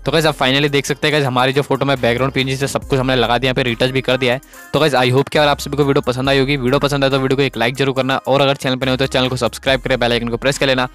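A man talks quickly through a phone photo editing tutorial, one step after another, checking in with his viewers every few seconds. His pitch sits in a middle range. Faint music plays under his voice. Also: flat delivery, a bit bright. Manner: instructive, repeats "guys" and "okay". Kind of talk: screen-recorded editing tutorial.

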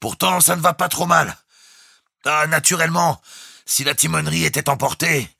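A man's voice: high voice, animated, normal speed, creaky, bright, forceful tone, slightly rough, no room sound, studio quality, pitched above the performer's own voice, exaggerated voice. A man voicing a stolid male ship captain in a storm who talks in clipped, telegraphic phrases and spaces out his words. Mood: terse, steady.

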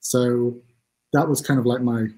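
A man's voice: medium pitch, steady tone, unhurried, a little mellow, poor audio. A man in his forties from Manchester with a Mancunian accent, a company CEO talking in a casual, self-deprecating way with many fillers over a video call. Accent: Mancunian English. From England. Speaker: CEO guest. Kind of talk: casual interview. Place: home office room. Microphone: video call webcam.

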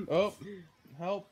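A young man joking around and shouting callouts in casual voice chat while gaming with friends. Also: sits high. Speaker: gamer recording a session with friends. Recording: game music clearly behind voice.

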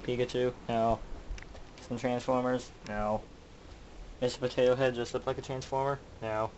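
A man's voice: medium pitch, flat delivery, normal speed, darkish tone, slight background noise. Melodramatic man interrogating toys. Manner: melodramatic, mock-detective, exaggerated. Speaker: channel host. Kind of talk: comedic skit talking to toys.

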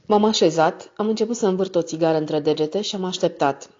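Woman reading an audiobook, low voice, steady, bit muffled sound. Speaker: audiobook narrator. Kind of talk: scripted first-person novel narration. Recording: slightly muffled recording.

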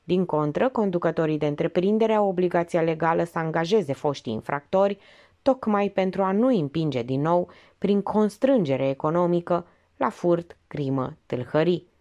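A woman narrating an audiobook in an expressive, lively reading. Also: fairly low pitch.

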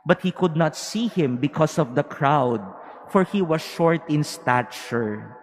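A fairly high-voiced man leads the liturgy as priest, reading slowly and deliberately. His solemn proclamation rolls out through the long reverb of a large cathedral, every phrase trailing a cathedral echo. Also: lively intonation. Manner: measured, solemn, deliberate delivery. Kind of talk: liturgical gospel proclamation at Mass.

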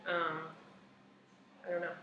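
A woman's voice: fairly low pitch, monotone, slow, echoey room, lo-fi sound, a little hiss or hum. A woman co-hosting a casual whiskey tasting chat in a bar's party room, talking hesitantly with many fillers. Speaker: co-host, bar manager.

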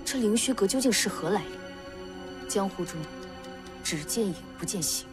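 A woman's voice: medium pitch, animated, normal speed, music in the background, natural voice. An actress playing a young noblewoman in a costume drama, composed and firm, with a formal, admonishing way of talking. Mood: grave, pensive.

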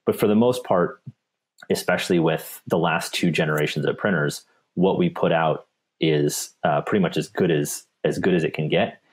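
Male tech specialist for a webinar Q&A, very low and husky, relaxed and full of restarts. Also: moderate pace. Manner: relaxed, with frequent repeats and restarts. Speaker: paper company technical specialist. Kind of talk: webinar Q&A, answering viewer questions.

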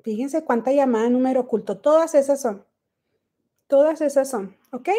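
A middle-aged woman with a Mexican accent talks high and brash on a phone livestream. She is profane and mocking, chatting casually with her viewers. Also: normal speed, dark tone. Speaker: livestream host.

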